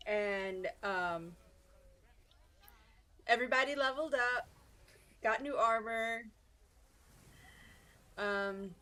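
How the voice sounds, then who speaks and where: A woman in her twenties recapping a tabletop game session as dungeon master, relaxed and halting with many pauses and restarts. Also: on the high side. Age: 20s.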